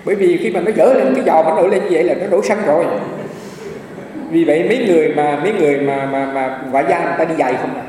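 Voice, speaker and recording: A man's voice: a little high, very fast, dark tone. A man, a Buddhist monk, giving a rambling dharma talk full of anecdotes and repeated small words. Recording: echoey hall, mic far off, faint hiss.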